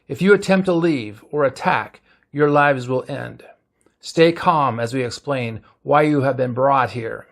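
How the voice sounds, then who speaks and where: A man's voice: mid-range voice, measured pace, creaky. A man voicing a tall, regal alien being, speaking in a commanding, formal way.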